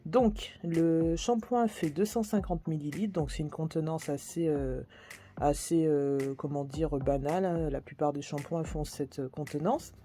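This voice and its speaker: Woman, beauty vlogger; casual, hesitant product review read off labels; warm, relaxed tone. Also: on the low side. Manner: hesitant, many fillers, reads labels aloud.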